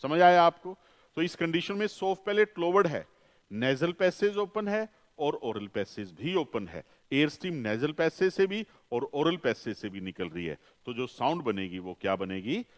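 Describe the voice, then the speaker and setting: A man's voice: on the high side, sing-song. A male phonetics teacher, lecturing and answering his own questions with repeated key terms. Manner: slows down for emphasis. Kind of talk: classroom lecture. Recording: long reverb, echoey room.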